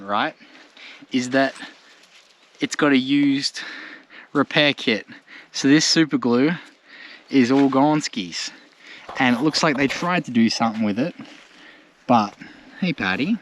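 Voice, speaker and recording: A man with an Australian accent and a mid-range, fairly bright voice chats casually to camera as a travel vlogger, rambling and slangy. He's outdoors at a rural bush campsite. The recording is noisy, with birdsong and other background sounds.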